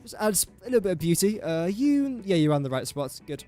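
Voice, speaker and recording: Very animated and a little fast, a young English streamer with a high voice and dark tone offers casual live commentary on a building game. He speaks to the pieces he places in a self-deprecating way, with soft background music behind him.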